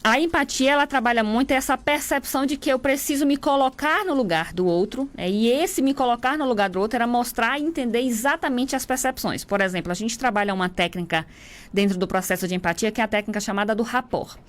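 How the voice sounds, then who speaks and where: Woman instructor, Bahian accent, brisk didactic delivery, slightly high voice. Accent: Bahian Brazilian Portuguese. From Brazil. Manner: didactic, explains step by step. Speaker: instructor at a transport workers' training center. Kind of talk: explanatory interview answers.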